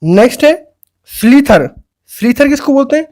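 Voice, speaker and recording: A teacher walks through an exam vocabulary list with steady explanation. English phrases are read slowly and deliberately. The teacher poses quick rhetorical questions, then repeats each key answer for emphasis. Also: high-pitched.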